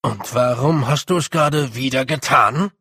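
A man's voice: medium pitch, moderate pace, sharp tone, dry recording, clean studio sound. A man doing a grumbling little fairy chief. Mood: weary. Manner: gruff, grumbling, weary. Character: small, gruff blue male fairy chieftain.

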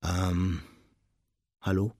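A man's voice: lowish voice, big pitch swings, moderate pace, darkish tone, breathy edge, no echo, clean studio sound, full character voice. A man voicing a polite boy wizard who talks hesitantly and unsurely.

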